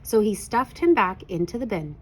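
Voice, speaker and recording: A woman reads a children's picture book aloud in an expressive read-aloud style. Her voice is mid-range and husky, at normal speed.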